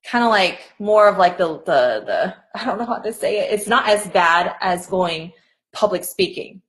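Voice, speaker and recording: A woman's voice: mid-range voice, animated, normal speed, rough recording. A young adult woman speaking as an interview guest, talking in an earnest, motivational way and filling her sentences with "like" and "okay". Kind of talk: casual conversational interview.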